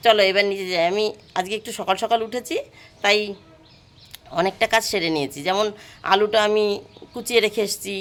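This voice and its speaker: A woman's voice: mid-range voice, a little fast, pauses often. A woman chats to viewers as her friends, narrating her morning on a phone camera at home. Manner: chatty, addresses viewers as friends while doing chores. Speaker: vlogger. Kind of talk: casual daily-life vlog narration. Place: home rooftop garden and kitchen.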